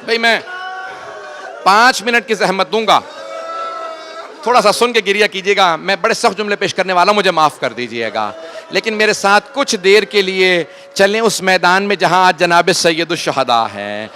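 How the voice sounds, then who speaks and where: A man's voice: high-pitched, lively intonation, sharp tone, a faint crowd, a little hiss or hum. A male religious scholar delivering a Muharram majlis sermon with emotional, declamatory storytelling.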